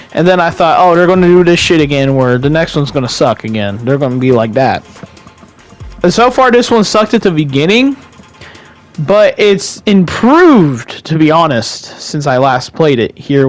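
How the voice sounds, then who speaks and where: Rambling young man with a higher voice. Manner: rambling, swears casually, frequent restarts. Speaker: gaming YouTuber. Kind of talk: casual gameplay commentary.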